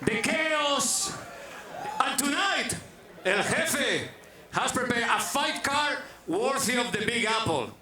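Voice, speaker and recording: A man plays to a live crowd as a wrestling promotion boss, theatrical and emphatic. He speaks slowly at a very high pitch, with heavy arena echo around him. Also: lively intonation. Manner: theatrical, emphatic, repeats phrases. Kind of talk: showman's speech to a live crowd. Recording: very echoey arena, loud crowd noise.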